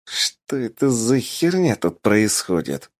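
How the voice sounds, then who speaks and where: A man's voice: medium pitch, sing-song, slow, pitched above the performer's own voice. A man doing a brash blunt male fighter. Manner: brash, blunt, loud exclamations. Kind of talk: audiobook character voice.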